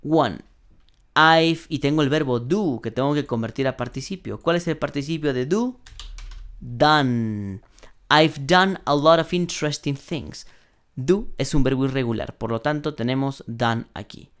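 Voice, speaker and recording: A man teaching an English grammar class online, explaining step by step, translating each example and saying the English sentences slowly. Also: medium pitch, smooth.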